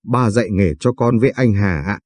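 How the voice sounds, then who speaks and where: A man's voice: on the low side, a little fast, a little mellow, dry recording, clean studio sound, natural voice. A man voicing a young son-in-law who protests and flares up indignantly. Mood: polite. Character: young son-in-law, defensive and quick to anger.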